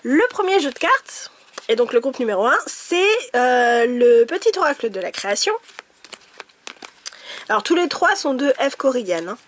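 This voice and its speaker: A woman chatting casually to her viewers about oracle cards, giggling often and filling her talk with pauses and restarts. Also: on the high side, big pitch swings. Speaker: tarot and oracle card reader. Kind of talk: casual chat to camera.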